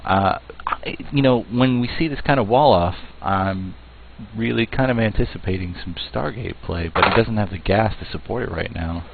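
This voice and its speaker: Deep-voiced man casting a strategy game. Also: vocal fry. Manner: measured, lots of fillers and restarts. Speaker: esports caster. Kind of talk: play-by-play game commentary. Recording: tinny phone-like line, faint noise.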